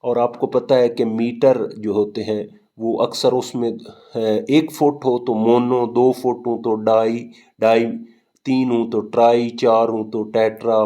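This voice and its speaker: Man, teacher, warm mellow voice, patient explaining, repeats and quizzes. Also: on the low side. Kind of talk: classroom lecture on poetry.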